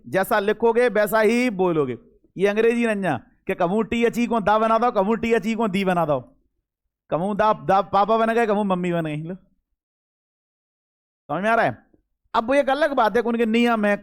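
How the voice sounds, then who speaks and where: A young man, teaching a classroom lecture, chatty, talking straight to his students and repeating key words. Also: high voice. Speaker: Hindi teacher.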